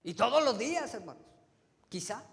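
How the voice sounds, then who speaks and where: High-voiced preacher in a reverberant church. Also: male voice, sing-song, moderate pace, gravelly. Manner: asks the congregation rhetorical questions, addresses them as brothers; swings between emphatic rises and soft, trailing phrase endings. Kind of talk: sermon. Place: church sanctuary. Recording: long hall reverb of a church.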